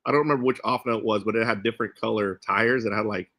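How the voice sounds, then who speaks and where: Indoors in a cluttered warehouse, the host of an RC car channel runs a casual livestream, rambling to viewers and frequently repeating his phrases. His lowish voice is steady, quick, pushed, and bright.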